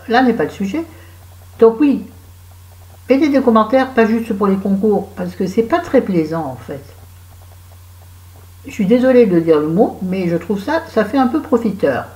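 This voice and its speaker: A French vlogger with a mid-range, darkish voice chats to her viewers from home while nursing a cold and a sore throat. Her talk is rambling and self-mocking, and the room sounds echoey.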